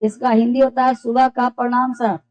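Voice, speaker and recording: A woman's voice: a little high, little pitch movement, normal speed, a little mellow. A woman teaching a basic English class, explaining phrases patiently and quizzing her students with repeated questions. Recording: dull lo-fi classroom recording.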